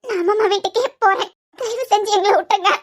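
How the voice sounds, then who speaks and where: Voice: fairly even intonation, fast talker. A voice actor playing a hurt but resolute young wife in a cartoon serial, with a Kanyakumari Tamil accent, pleading yet firm. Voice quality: very high, bright voice.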